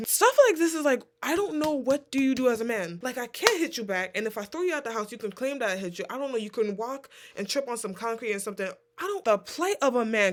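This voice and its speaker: Brief: fairly high-voiced woman, casual reaction host, incredulous and animated.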